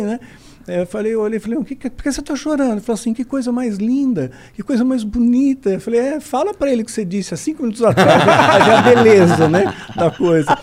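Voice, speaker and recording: A man, a podcast guest telling a story in a lively way. He acts out the dialogue and tags nearly every sentence with a quick question. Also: sits high. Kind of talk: storytelling in a casual podcast chat.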